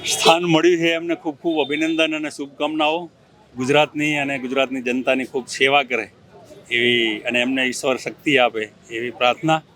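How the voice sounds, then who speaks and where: A middle-aged man answering interview questions as a district party president, earnest, formal and measured. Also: mid-range voice, flat delivery, fairly bright tone.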